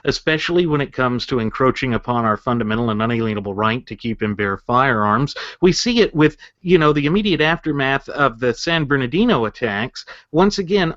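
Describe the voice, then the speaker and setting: An earnest man co-hosts a political talk show and argues his case point by point. He sits at a middling pitch and leans on rhetorical questions. The recording is dry and close, with dull, muffled lo-fi sound. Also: fairly bright tone, no echo. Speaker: co-host.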